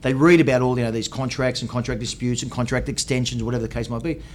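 A middle-aged Australian man hosts a conversational interview in a mid-pitched voice. He talks quickly and at length, often restating his point, with faint noise behind him. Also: fairly even intonation. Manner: wordy, repeats and rephrases. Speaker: podcast host.

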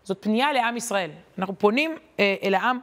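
Animated woman teaching a Torah lesson. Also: mid-range voice. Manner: conversational, many hesitation fillers.

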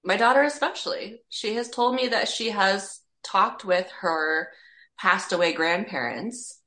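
A woman's voice: medium pitch, unhurried, bright, forceful tone. A middle-aged woman co-hosting a podcast, chatting in a friendly, agreeable way and laughing easily. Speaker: podcast co-host. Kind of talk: casual chat.

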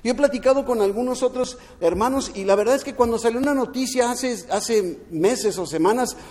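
A man's voice: very high voice, a little fast, darkish tone. A man preaching a sermon as pastor, earnest, often repeating words and restarting. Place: at home, streamed during lockdown. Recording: long hall reverb.

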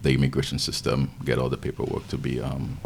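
Very deep gravelly Haitian-accented man. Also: completely flat delivery, a little hiss or hum. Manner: thoughtful, halting, with many fillers. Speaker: podcast guest. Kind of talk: casual interview.

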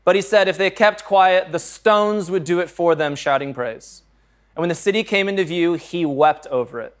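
Preaching at a moderate pace, this pastor has a fairly high male voice and an earnest, conversational manner. He alternates reading scripture with speaking plainly to his congregation, and he jokes about his own slip-ups.

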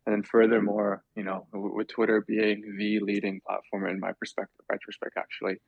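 A man's voice: on the low side, completely flat delivery, fairly quick, creaky, husky, no room sound, phone-quality sound. A male podcast guest reflecting in a hedging way with many fillers. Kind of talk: casual chat.

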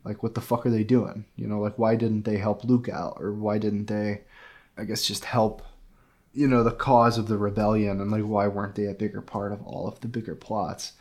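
A man with a fairly low voice co-hosts a gaming podcast, reviewing a game in loose, casual chat. He rambles eagerly, stacking up filler words as he gets excited. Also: normal speed. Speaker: podcast co-host.

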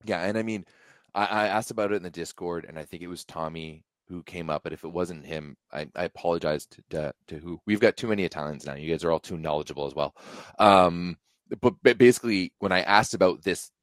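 A young man co-hosting a sports podcast, talking in a casual, animated way with many fillers and restarts. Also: low-pitched, no room sound, clean studio sound. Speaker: podcast co-host.

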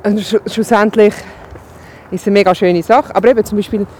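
Guest, Swiss German woman, rapid candid chat, outdoors with faint traffic. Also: medium pitch, fairly even intonation, a little mellow. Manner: fast, candid, thinks aloud with restarts. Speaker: guest, new mother. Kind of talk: casual chat on a walk. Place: outdoors on a walk in town.

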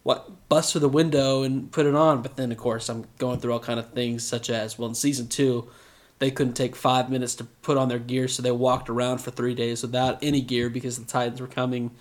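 A man in casual podcast chat, breaking down scenes with lively, joking asides. His pitch sits in a middle range for a man. He sounds loose and conversational. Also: a little fast. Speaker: podcast co-host.

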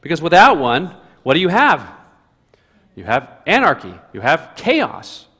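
Animated preacher in a reverberant hall. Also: male voice, on the high side, unhurried, breathy edge. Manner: earnest, reads scripture aloud with rising emphasis. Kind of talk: sermon on a psalm.

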